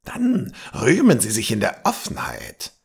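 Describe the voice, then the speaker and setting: Man playing an old bearded man, grumbling, slow, gravelly voice, husky, grave warnings. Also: mid-range voice, huge pitch swings, voice pushed up, full character voice. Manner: slow, grave warnings, sometimes dropping to a whisper.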